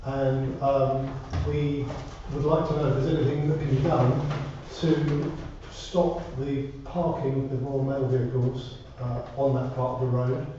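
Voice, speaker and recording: Man, very echoey room, muffled, polite hesitant resident, measured address to a council. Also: mid-range voice, level tone. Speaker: resident speaking at public meeting. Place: indoor parish council meeting room. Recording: muffled, echoey room, distant mic, faint noise.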